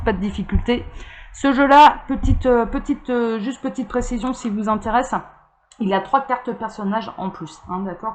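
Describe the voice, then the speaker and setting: Chatty woman reading tarot in an echoey room. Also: medium pitch. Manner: chatty and rambling, with frequent fillers and little laughs. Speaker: tarot card reader. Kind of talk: casual tarot reading to camera. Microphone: camera mic. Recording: roomy echo, faint background hiss.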